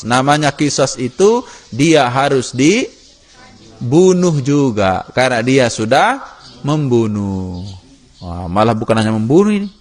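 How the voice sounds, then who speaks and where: Animated male religious teacher. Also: medium pitch. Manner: animated storytelling, acts out characters, asks the class questions. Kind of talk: Islamic study lesson.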